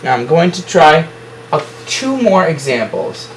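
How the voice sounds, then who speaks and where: A man's voice: fairly high pitch, sing-song, a little slow, a little hiss or hum, low-quality recording. A man teaching a phonics lesson to a class, explaining syllables at the whiteboard and praising students often.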